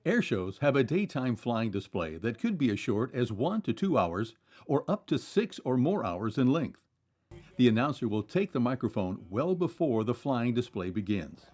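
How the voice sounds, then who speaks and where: A man's voice: medium pitch, darkish tone. A man reading scripted documentary narration in a polished, explanatory way.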